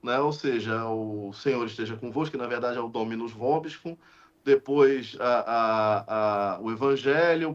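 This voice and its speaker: A man, a deacon and podcast guest, telling a story in casual conversation and acting out the dialogue with many restarts. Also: medium pitch. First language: Portuguese. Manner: animated, acts out quoted dialogue, frequent restarts. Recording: slightly muffled lo-fi audio.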